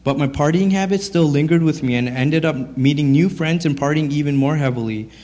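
A man's voice: fairly high pitch, fairly quick, a little mellow. A man in his thirties, born in Sri Lanka and raised in Canada, reading his personal testimony to a congregation. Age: 30s. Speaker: testimony speaker.

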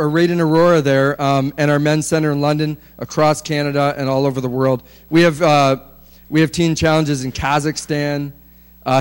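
A man's voice: on the high side, clean tone. A man presenting a ministry's work from slides to a congregation, joking and using many fillers. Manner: joking, filler-heavy, chatty.

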